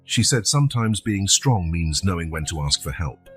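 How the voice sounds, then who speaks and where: A man voicing an earnest young girl, the older of two sisters, speaking softly in a raised voice. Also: low voice, big pitch swings, moderate pace, soft background music. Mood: tender.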